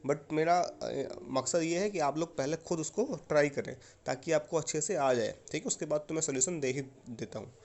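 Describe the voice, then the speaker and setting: A young adult Indian man, an English teacher, explaining exercise answers to students in Hindi mixed with English with an Indian accent, slowly and with many repeats and check-ins. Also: a little high, a little mellow. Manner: explains slowly and repeats, often asking "okay?". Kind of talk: online class lesson.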